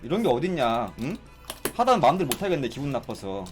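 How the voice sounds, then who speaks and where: A man giving excitable live commentary on a fighting game, exclaiming and complaining as he plays. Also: medium pitch, brisk, faint music behind. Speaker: gaming streamer.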